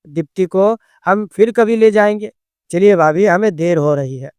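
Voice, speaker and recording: A man voicing a middle-aged uncle who calmly talks the mother out of forcing her daughter. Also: high-pitched, moderate pace, clean tone, dry recording, close to an everyday voice. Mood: placating. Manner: persuasive, placating. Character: middle-aged uncle, calm, soothing peacemaker.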